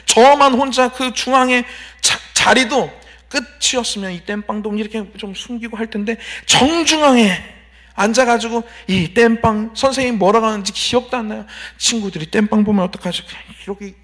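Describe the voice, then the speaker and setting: A man with a notably high voice delivers an evening church sermon. He tells a personal story, leaning on emphatic pauses and rhetorical questions, in a sanctuary. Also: fairly bright tone. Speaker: preacher.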